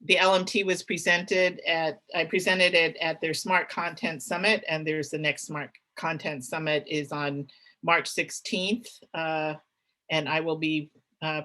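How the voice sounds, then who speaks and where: A woman's voice: low-pitched, pushed and bright. A middle-aged woman giving a webinar presentation, talking conversationally with many fillers and restarts.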